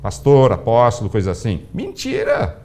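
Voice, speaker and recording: A male pastor preaching with a lively, swooping voice at a middle pitch. He tells his story in an animated way and acts out the dialogue with big jumps in pitch. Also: moderate pace, slight background noise. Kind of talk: sermon.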